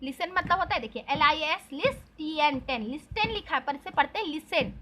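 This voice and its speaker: A woman's voice: high-pitched, expressive, noisy background. A woman teaching an English lesson in Hindi, spelling out each word letter by letter and asking her students questions that she then answers herself. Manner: spells words out letter by letter, slow and patient.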